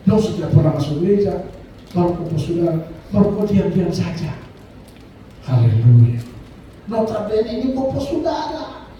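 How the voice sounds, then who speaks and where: A man's voice: high-pitched, sing-song, moderate pace, pauses often, noisy background. A male pastor preaching a sermon in a church hall, breaking his lines with calls of amen and hallelujah. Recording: echoey church hall, from far off.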